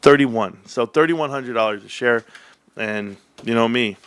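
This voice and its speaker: Hosting a relaxed stock livestream, this forties-aged man addresses his audience as "bros" and "guys," leaping into high excited bursts before sinking into low muttering. His unhurried voice sounds fairly bright and clean, with no echo.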